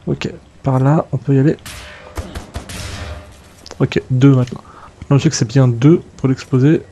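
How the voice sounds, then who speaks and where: A man's voice: mid-range voice, steady tone, normal speed, mellow, dull audio, faint music behind. A man casually commenting on his gameplay, chatting to viewers and muttering to himself. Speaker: let's play gamer.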